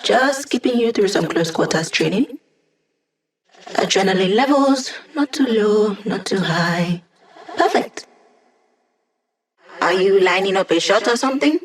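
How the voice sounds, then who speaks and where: A playful, nerdy hacker who lives as a digital being , acted for a video game. The talk is conversational and wry, with a teasing edge and a supportive streak toward the squad. The pitch sits in a middle range. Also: lightly acted. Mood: urgent, focused. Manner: casual, wry, teasing, techy.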